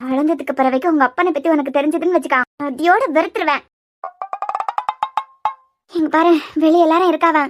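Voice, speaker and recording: A woman's voice: high voice, steady tone, a little fast, pauses often, over music, lightly acted. A woman voicing a protective, secretive young woman in a cartoon with a Kanyakumari Tamil accent, speaking in a coaxing, earnest way.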